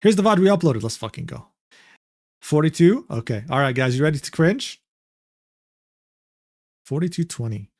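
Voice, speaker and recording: A man with a fairly high voice, streaming live and reacting to clips in a brash, profane way. The recording is close and dry. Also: lively intonation, moderate pace, long pauses, no echo.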